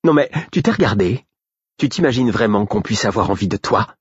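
A man's voice: lowish voice, animated, normal speed, breathy edge, no room sound, pitched above the performer's own voice. A man reading an audiobook, voicing a scornful, defiant young woman who mocks and threatens. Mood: contemptuous. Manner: mocking, contemptuous. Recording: dull lo-fi recording.

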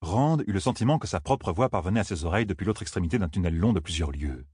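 A man reading a fantasy audiobook in a steady, grave, measured way. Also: low voice, slightly rough, dry recording, clean studio sound. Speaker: audiobook narrator. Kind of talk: scripted fantasy narration.

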